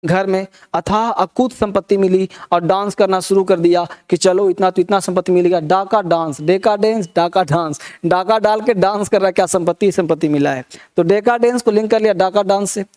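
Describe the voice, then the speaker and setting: Pitched high and a bit mellow, this male teacher moves at a moderate pace through a vocabulary lesson. Words get repeated in rhythmic drills as he has the class answer back to him, call-and-response style.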